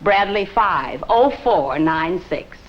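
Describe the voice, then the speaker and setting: A woman's voice: fairly low pitch, animated, takes it slowly, lo-fi sound. An actress playing an earnest woman who speaks plainly as a witness and interpreter, in a 1950s TV drama.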